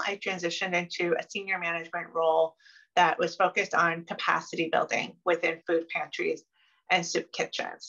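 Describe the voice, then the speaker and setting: A woman with a lowish voice tells her story in an earnest, reflective way. The recording sounds dull and lo-fi, with the top end muffled. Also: vocal fry, sharp tone. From Maryland, United States. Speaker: interviewee, consultant. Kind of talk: conversational interview answers.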